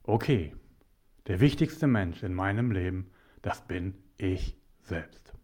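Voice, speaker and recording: A man who works as a mediator and coach gives a motivational talk to the viewer. He speaks deliberately and drops to whispers for emphasis. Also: deep voice, lively intonation, darkish tone.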